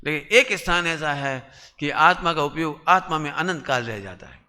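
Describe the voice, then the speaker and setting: A man delivering a religious sermon, animated and repeatedly questioning his listeners, with sudden high exclamations. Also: normal speed. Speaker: Jain preacher. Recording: echoey hall with long reverb.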